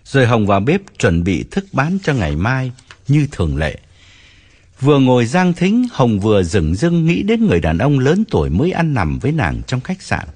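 A man narrating an audiobook story with expressive storytelling. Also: medium pitch, moderate pace, breathy edge.

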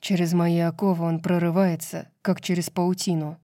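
A woman voicing a tense young male winged warrior who speaks in low, terse lines. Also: little pitch movement, moderate pace, dark tone, dry recording, clean studio sound, natural voice. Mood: strained.

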